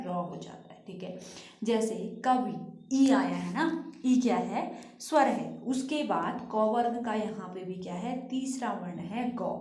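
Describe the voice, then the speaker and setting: A woman teacher walks through grammar rules at an unhurried, deliberate pace. She keeps asking questions and then answers them herself. Her voice rings in a roomy, echoey space. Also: mid-range voice, a little mellow. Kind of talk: Sanskrit grammar lesson.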